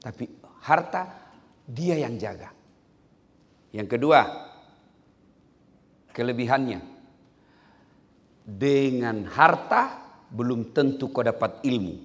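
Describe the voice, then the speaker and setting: A man's voice: medium pitch, takes it slowly, pauses often. A man preaching a humorous sermon to civil servants, telling jokes and acting out little characters. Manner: animated storytelling with jokes and acted voices. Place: large hall with live audience. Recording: long hall reverb.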